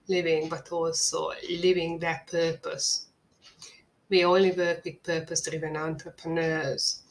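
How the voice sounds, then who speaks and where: A marketing agency owner with a Hungarian accent and a lowish voice presents a webinar, taking her time over each phrase. She sounds earnest, measured and persuasive, like a rehearsed sales pitch, in a low-quality recording.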